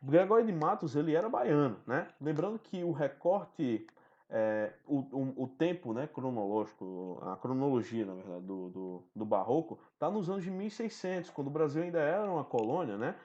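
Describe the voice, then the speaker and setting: A man's voice: mid-range voice, expressive, moderate pace, a little mellow. A man teaching a recorded online lesson, explaining step by step and often checking in with the listener. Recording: dull lo-fi sound.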